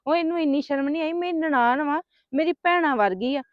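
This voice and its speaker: A woman's voice: high-pitched, brisk, no echo, close to an everyday voice. Woman playing a hot-tempered scolding niece. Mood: angry scolding. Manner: sharp, scolding, ranting. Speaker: angry niece heading to confront her sister-in-law. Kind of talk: amateur family drama skit. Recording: dry, dull lo-fi sound.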